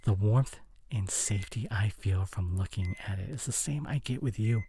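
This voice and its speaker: A man playing a gentle, devoted boyfriend in an intimate audio role-play, speaking in a soft, breathy, soothing bedside voice. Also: on the low side, normal speed, noisy background, lightly acted. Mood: tender, soothing.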